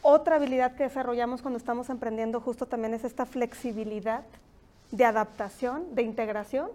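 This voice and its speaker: Woman, Mexican accent, high voice, podcast host, reflective conversational tone. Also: steady tone, a little fast, warm tone. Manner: reflective, thinks aloud with frequent "¿no?" tags. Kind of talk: conversational interview.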